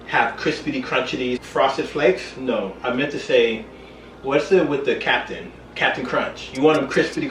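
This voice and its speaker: A man with a mid-pitched voice chats to the camera as a tipsy home cook. His talk is loose and rambling, often losing its thread. The room is echoey, and music plays clearly behind him. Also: fairly bright tone. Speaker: home cooking show host. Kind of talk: casual chat to camera while cooking. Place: home kitchen. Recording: roomy echo, distant mic, music behind.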